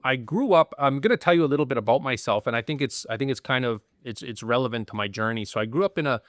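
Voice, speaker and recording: A man's voice: medium pitch, quick pace, a bit bright, no echo. Rambling Canadian man, dry close sound. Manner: rambling, many restarts and fillers, chuckles. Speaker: university program head, guest. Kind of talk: conversational interview.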